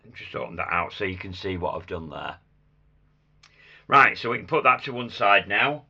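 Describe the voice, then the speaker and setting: Hoarse, croaky low-voiced man demonstrating. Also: animated, moderate pace, sharp tone, highs cut off. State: hoarse after a chest infection. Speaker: craft tutor demonstrating sugar flowers. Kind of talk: casual hands-on demonstration.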